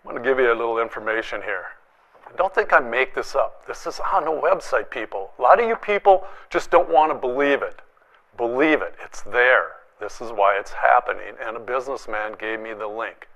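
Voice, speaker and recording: A man's voice: medium pitch, expressive, fairly quick, fairly bright tone, rough recording. A man hosting an opinionated public access show, speaking bluntly and defiantly and repeating himself for emphasis. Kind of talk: opinionated monologue to camera.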